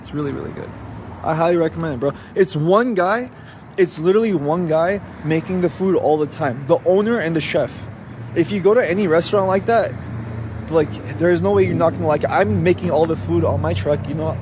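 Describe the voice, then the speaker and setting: A man with a fairly high voice chats casually to a live stream. His talk is loose and slangy, and there is clear street and vehicle noise around him. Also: brisk. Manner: slangy, addresses viewers as bro and G. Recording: noisy street and vehicle background.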